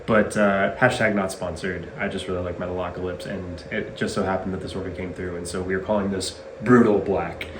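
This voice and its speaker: A man's voice: low-pitched, steady tone, brisk, hardly any pauses, fairly bright tone. A man hosting a casual guitar-building tutorial in his garage workshop, chatty and jokey. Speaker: guitar builder and channel host. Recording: echoey garage with faint noise.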